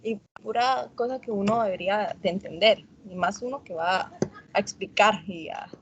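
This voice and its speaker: A woman's voice: medium pitch, moderate pace, fairly bright tone, muffled recording, a little hiss or hum. A woman student speaking in a class discussion, hesitant, restarting her sentences as she thinks aloud.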